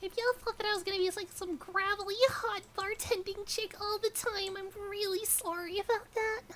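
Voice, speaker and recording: A woman's voice: steady tone, moderate pace, a bit bright. A woman voicing a shy, cutesy little anime girl, chatting casually like a cute streamer on a game livestream. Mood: embarrassed, apologetic. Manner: cute anime streamer, squeaky-sweet and bashfully apologetic. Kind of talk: casual livestream chat while gaming.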